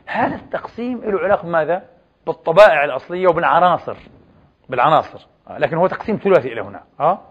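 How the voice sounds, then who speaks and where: A man giving a lecture on religious history, who keeps posing quick rhetorical questions and answering them himself. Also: fairly high pitch, a bit bright, husky, muffled recording.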